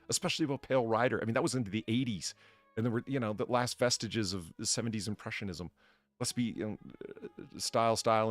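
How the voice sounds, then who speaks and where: A man hosting a casual livestream podcast, reading out donations and rambling profanely between topics. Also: mid-range voice.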